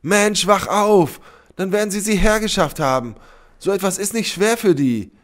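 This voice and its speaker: A man's voice: medium pitch, big pitch swings, normal speed, pitched above the performer's own voice. A man voicing a scornful, brash young woman. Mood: furious. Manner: mocking, then shouting in fury.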